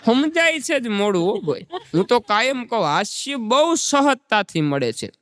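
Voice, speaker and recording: High-voiced stand-up man. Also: big pitch swings, moderate pace, a bit bright, long reverb tail. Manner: chatty, anecdotal, recites verse. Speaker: stand-up comedian. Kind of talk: Gujarati folk stand-up storytelling.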